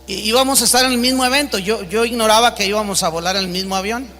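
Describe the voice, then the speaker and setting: A man's voice: high-pitched, fast, sharp tone, in a large hall. A man with a Mexican Spanish accent preaching an emphatic sermon as pastor, acting out the voices in his stories.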